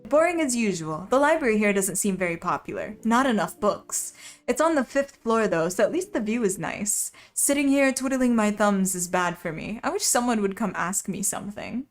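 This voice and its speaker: A woman's voice: medium pitch, animated, moderate pace, faint music behind. A young woman streaming a visual novel, playfully reading its narration and lines aloud. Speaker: game streamer.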